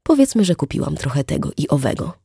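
Guarded polite woman , as the reader puts her on, measured and terse, husky tone. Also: low-pitched, very animated, warm tone, no echo, clean studio sound, full character voice. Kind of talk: audiobook character voice.

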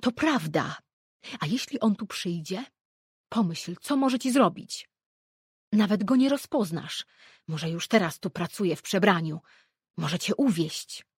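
A fretful grey-haired mother from a storybook, as a woman reader puts her on, scolding and insistent, always pressing her point. The voice sits a little low, with a gravelly, husky grain and a dry, close sound. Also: lively intonation, unhurried, a little mellow, dry recording, exaggerated voice. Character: anxious grey-haired older mother, disapproving.

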